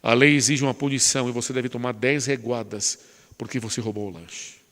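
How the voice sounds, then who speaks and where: Man doing a grave stern teacher, slow, solemn, firm, echoey hall. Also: mid-range voice, fairly even intonation, a bit bright, close to an everyday voice. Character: stern grown male schoolteacher, grave and unbending.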